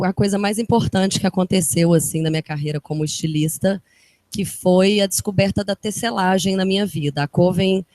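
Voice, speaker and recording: With a medium-pitched, slightly mellow voice, this woman talks excitedly in rapid bursts as a guest speaker before an audience in an event room. She's a fashion designer from Minas Gerais, Brazil, with a Minas accent, and her casual chat is captured with no room sound.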